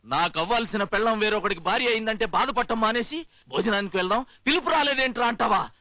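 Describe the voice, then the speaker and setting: A man's voice: sits high, lively intonation, fast talker, sharp tone, dry recording. An actor playing a whiny, scheming young man who complains to his father in a comedy film scene.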